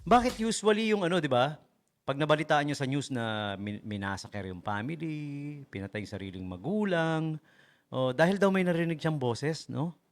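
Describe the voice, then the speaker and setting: A man's voice: fairly high pitch, animated, normal speed. A man with a Filipino accent, a radio DJ in casual, joking chat who keeps adding tag questions. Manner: chatty, joking, often adds "no?" and "promise". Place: radio studio.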